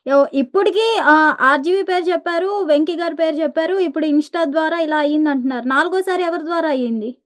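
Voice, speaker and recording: A woman's voice: high voice, fast talker. A woman interviewer asking probing, challenging questions.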